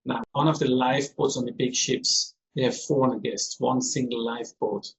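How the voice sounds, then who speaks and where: Over slightly dull, faintly noisy call audio, an Austrian man in his fifties answers interview questions from on board a ship, where he manages the cruise hotel. He is chatty, with some non-native phrasing, and his medium-pitched, creaky voice has fairly even intonation at a moderate pace.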